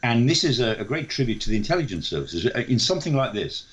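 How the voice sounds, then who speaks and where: A man's voice: medium pitch, big pitch swings, quick pace, fairly bright tone. An older man with a British accent giving spontaneous expert analysis on the news, explaining his points emphatically. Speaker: defence expert guest, professor.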